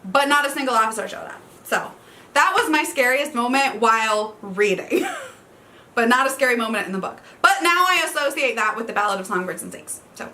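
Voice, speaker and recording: A woman's voice: a little high, lively intonation, fairly quick, sharp tone. A woman, chatting casually about books for a vlog, laughing and swearing. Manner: chatty, swears, says y'all, laughs often. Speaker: book vlogger. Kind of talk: casual book tag chat.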